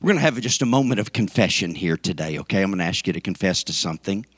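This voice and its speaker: A man's voice: deep voice, lively intonation, quick pace, slightly rough, no room sound. A man preaching a sermon to his congregation, folksy and joking, swinging up into emphatic peaks. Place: church sanctuary.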